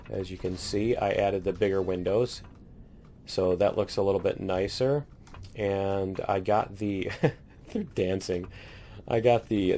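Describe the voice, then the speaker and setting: A man chatting casually as he tours his base in a building game, rambling and laughing, a little hoarse and clearing his throat now and then. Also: low-pitched, warm tone, a little hiss or hum. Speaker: let's play host. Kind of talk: casual gameplay commentary.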